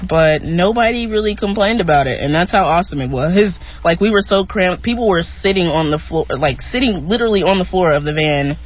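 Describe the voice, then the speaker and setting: Teen guy rambling in a group chat, kinda high voice, muffled lo-fi audio. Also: animated, brisk, few pauses. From Texas. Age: teens. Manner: chatty, laughs often, lots of "like". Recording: dull lo-fi recording.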